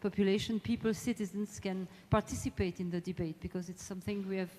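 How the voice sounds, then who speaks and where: A woman moderating a conference debate opens the live panel in English, her French-speaking Belgian accent clear. Her mid-range voice is soft and mellow with a steady tone, though she pauses frequently to find the right words. The amplified sound echoes at length through the big indoor hall.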